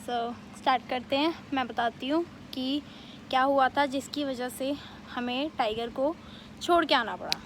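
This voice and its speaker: High-voiced young woman telling a story. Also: slight background noise. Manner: animated retelling, quick bursts, many fillers. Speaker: vlogger. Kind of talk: casual storytelling vlog.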